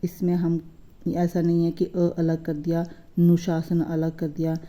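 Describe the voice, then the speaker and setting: A woman's voice: fairly low pitch, completely flat delivery, mellow. A woman teaching a lesson, explaining word meanings patiently and asking and answering her own questions. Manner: patient, repeats words slowly, asks and answers own questions. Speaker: Hindi teacher.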